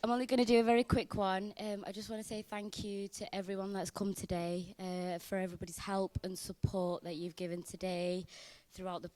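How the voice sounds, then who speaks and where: A woman's voice: medium pitch, flat delivery, a little fast, hardly any pauses, darkish tone, no echo. A woman giving a short, informal thank-you speech and toast at a wedding as the bride's sister.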